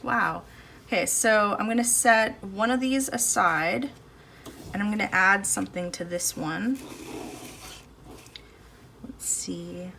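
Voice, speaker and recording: A woman with a bright, forceful, creaky voice of medium pitch talks slowly, with long pauses, while hosting a casual painting demo and thinking aloud at her table. Her phone camera overhead records the indoor home studio without an external mic, catching faint street and household noise.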